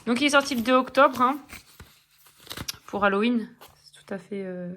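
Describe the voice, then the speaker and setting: A woman's voice: on the high side, normal speed, sharp tone, slight background noise. A middle-aged woman chatting casually in a coloring vlog, rambling with many fillers and restarts. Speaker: coloring vlogger. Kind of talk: casual chat.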